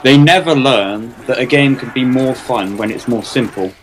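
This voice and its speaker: Young male guest, mid-pitched, blunt and opinionated, faint line noise. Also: moderate pace, poor audio. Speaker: podcast guest. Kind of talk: casual opinionated chat.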